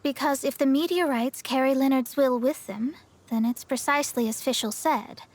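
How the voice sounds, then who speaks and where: High-voiced, self-assured young astrologist. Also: female voice, moderate pace. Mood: resolute. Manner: explanatory, matter-of-fact. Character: proud, self-assured young woman astrologist, analytical and scholarly. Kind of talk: anime game dub dialogue.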